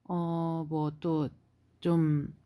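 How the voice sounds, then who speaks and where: A woman's voice: sits low, level tone, extremely slow, mellow, clear, resonant tone. A woman in her forties from South Korea tells her job-hunting story in a casual vlog, chatty and encouraging, with lots of filler words. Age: 40s. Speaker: immigrant sharing a job-hunt story.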